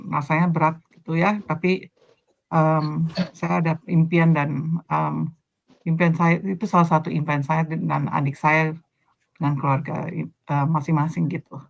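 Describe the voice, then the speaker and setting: A woman in her fifties, a grandmother, introducing herself hesitantly with many pauses over a video call. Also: sits low, little pitch movement, gravelly. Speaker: guest panelist. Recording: dull lo-fi video call audio.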